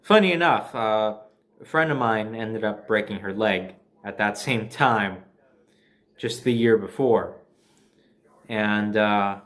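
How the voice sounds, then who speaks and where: A man from New Jersey, USA, with an American accent tells a personal story in a casual, conversational way, dropping in sardonic asides. His voice is fairly low and fairly bright.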